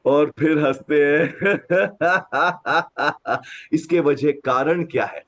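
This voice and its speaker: A man leading a laughter yoga class, counting aloud and explaining the exercises, switching into slow, deliberate English phrases. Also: a little high, steady tone. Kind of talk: guided group exercise with explanations. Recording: dull lo-fi sound.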